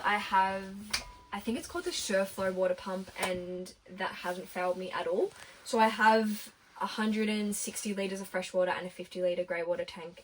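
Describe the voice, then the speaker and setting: Young aussie woman showing off her bus, chatty, laughs a lot, camera a bit far off with noise. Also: lowish voice. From Australia. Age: early 20s. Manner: chatty, laughs often, recommends things. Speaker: vlogger giving a bus tour. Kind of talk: casual home tour. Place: inside a converted bus. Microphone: camera held by her sister. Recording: camera at a distance with background noise.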